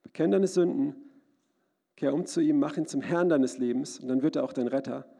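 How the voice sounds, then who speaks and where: A preacher with a husky, gravelly, dark-toned voice, slightly high for a man, gives a brisk sermon in a church hall. Earnest and personal, he occasionally bursts into loud cries.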